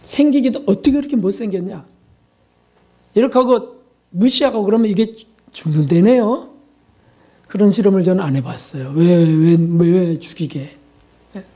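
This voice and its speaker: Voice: medium pitch, normal speed, pauses often, warm tone. A pastor preaching a sermon, pressing points with rhetorical questions and repeated words.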